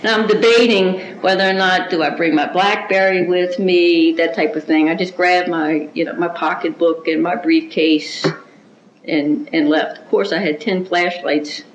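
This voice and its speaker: A woman giving an oral history interview, recounting events in a measured, reflective way with small restarts. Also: fairly low pitch, fairly even intonation, slight background noise. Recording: roomy, dull-sounding recording.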